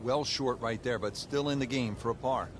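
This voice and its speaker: A man working as lead golf commentator, calling play in a measured broadcast delivery with folksy turns of phrase. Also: mid-range voice, noisy background, close to an everyday voice.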